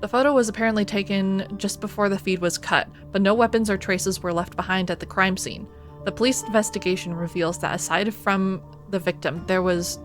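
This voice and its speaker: Woman game streamer over faint music. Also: mid-range voice. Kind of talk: live game stream, reading story text and commenting.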